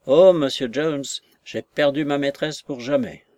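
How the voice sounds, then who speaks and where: A man's voice: a little high, unhurried, warm tone, dry recording, natural voice. A man voicing a distraught lady's maid, a woman who wails and pities herself in a raised, plaintive voice. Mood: lamenting.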